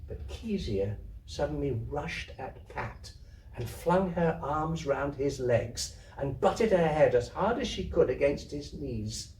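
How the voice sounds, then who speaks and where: An animated male story reader with a fairly high pitch takes a slow pace as he expressively narrates literature to an audience. A member of a theatre troupe, he's at an indoor community venue, recorded in an echoey room with a distant microphone.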